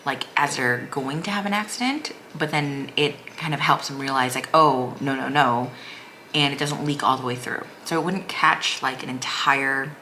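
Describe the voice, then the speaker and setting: A woman's voice: a bass voice, normal speed, few pauses, pushed and bright, slight background noise. A woman vlogger giving a casual, chatty recap in a rambling, informal way full of "like". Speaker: vlogger, mother of a young child.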